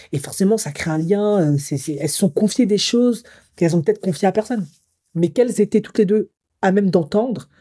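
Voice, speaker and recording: This low, husky, warm-toned woman from Africa works as a psycho-emotional coach. In a commentary vlog, she reads parts of an article aloud and reflects on it hesitantly, using frequent fillers.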